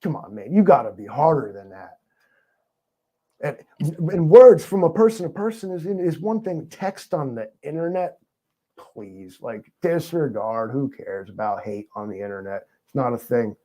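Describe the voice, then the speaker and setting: A man talks as an interview guest, loose and rambling, full of fillers and sarcastic jokes. His voice is mellow and dark, sitting at an ordinary pitch for a man. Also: sing-song, moderate pace. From New York. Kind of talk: casual interview chat.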